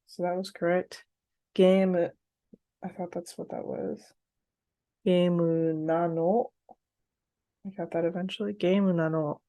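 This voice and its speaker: Talking to herself in a practice session she hosts, a woman who is a native English speaker studies a language aloud, sounding out syllables and repeating them. Her voice sits on the low side and is a little mellow, with no room sound.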